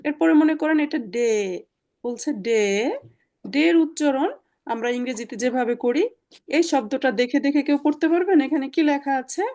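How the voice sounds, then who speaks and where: A woman's voice: sits high, normal speed, warm tone. Woman teaching an online class. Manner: patient, explaining step by step with many fillers. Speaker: German language teacher. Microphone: video call.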